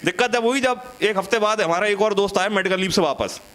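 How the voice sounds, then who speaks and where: A young male comedian with a high, light voice works through a stand-up set in a loose, chatty way. He teases the crowd and acts out little classroom scenes as he tells them. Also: quick pace, a bit bright. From India.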